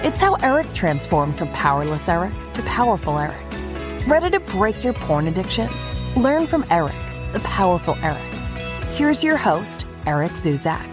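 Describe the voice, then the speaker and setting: A woman's voice: on the low side, very animated, normal speed. A woman reading a scripted show intro in a dramatic, emphatic announcer style. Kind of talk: scripted promo narration. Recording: voice-over over clear music.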